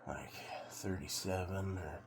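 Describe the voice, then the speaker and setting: Slow, low-voiced American man. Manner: laid-back, musing, halting. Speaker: vlogger doing a cold plunge challenge. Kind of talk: casual rambling vlog monologue. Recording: clear background noise of water.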